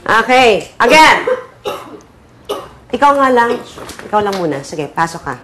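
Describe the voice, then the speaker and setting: A woman's voice: fairly high pitch, sing-song, a little slow, fairly bright tone, a little hiss or hum. A woman directing actors on a set, demonstrating lines and counting down takes. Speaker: acting director.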